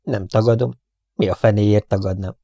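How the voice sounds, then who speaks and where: A man's voice: fairly low pitch, steady tone, mellow, no echo. A man voicing a cheeky, mocking young male rogue in a storybook reading. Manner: sarcastic.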